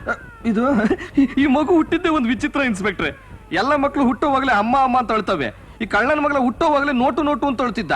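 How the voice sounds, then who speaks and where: Sly chatty thief in an old comedy film, high lively voice, noisy track. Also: male voice, quick pace. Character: sly male thief doting on a baby. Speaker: father speaking to an inspector. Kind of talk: 1980s film comedy acting. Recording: film soundtrack with background noise.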